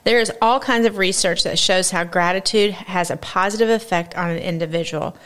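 A woman's voice: fairly low pitch, fairly quick, a bit bright. A woman co-hosting a faith-based podcast, talking in an earnest, upbeat way. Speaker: podcast co-host. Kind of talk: scripted podcast talk.

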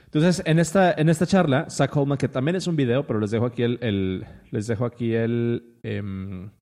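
Rambling Mexican man with a mellow voice. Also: mid-range voice, moderate pace, long reverb tail. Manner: rambling, many restarts and fillers. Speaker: podcast host. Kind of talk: casual podcast chat.

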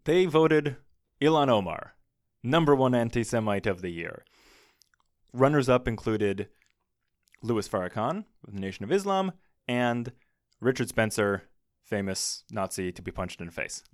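A man's voice: mid-range voice, expressive, unhurried, long pauses, dry recording. A man co-hosting a podcast, chatting casually with a dry, wry manner and reading old archive clips aloud. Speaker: podcast co-host.

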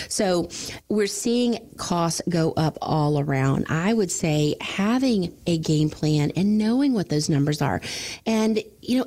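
A middle-aged woman from Florida, a financial advisor talking casually on a radio show, chatty with quick asides. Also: lowish voice, dark tone.

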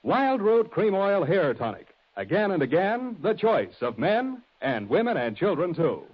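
A man's voice: sits high, very animated, a little slow, husky. An American man announcing in the chipper manner of a 1940s radio ad. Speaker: radio announcer and sponsor pitchman. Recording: dull old radio recording, music.

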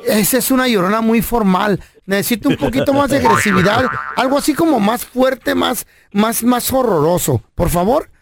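A man hosting a radio comedy show, making a prank phone call in a deadpan, mock-businesslike manner. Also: very high voice, moderate pace, gravelly, hardly any pauses, noisy background. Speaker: radio prank caller and host.

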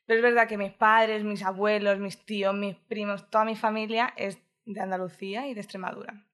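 A woman's voice: medium pitch, little pitch movement, a little fast, a bit bright. A woman in her twenties with a central Spain accent, a podcast guest telling stories in a chatty way, full of fillers. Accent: Spain Spanish, central. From Madrid, Spain. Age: 20s. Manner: chatty storytelling with many "o sea" fillers. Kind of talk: casual podcast interview.

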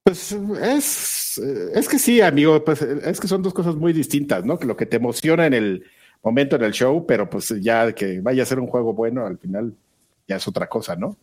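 A man's voice: mid-range voice, fairly quick, a little mellow. A man with a Mexican accent hosting a casual chat, speaking colloquially and a little hesitantly as he meanders through his thoughts. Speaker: host.

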